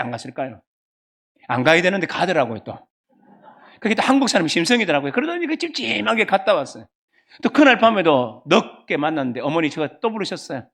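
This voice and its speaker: A man in his fifties with a Gyeongsang accent, preaching a sermon as a pastor through lively storytelling and questions to the congregation. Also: on the high side. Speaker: pastor and seminary professor.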